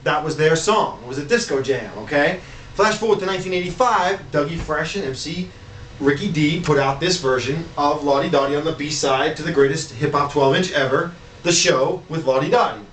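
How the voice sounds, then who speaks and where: A man's voice: a little high, normal speed, fairly bright tone, recorded from a distance, a little hiss or hum. A man DJ chatting loosely through a countdown of records, with asides and fillers. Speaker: DJ presenting hip-hop samples. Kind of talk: casual commentary over records. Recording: roomy, off-mic, music behind. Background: music playing.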